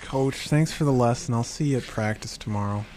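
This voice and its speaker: A man's voice: mid-range voice, a little fast, background noise, natural voice. A man playing a timid, awkward young diver who stammers and whines, in a comedy sketch. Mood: sheepish. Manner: stammering and whiny.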